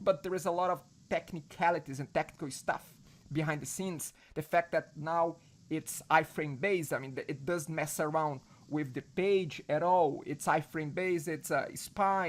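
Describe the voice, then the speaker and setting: Laughing host of a casual video chat. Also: male voice, on the high side. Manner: laughs often, restarts phrases.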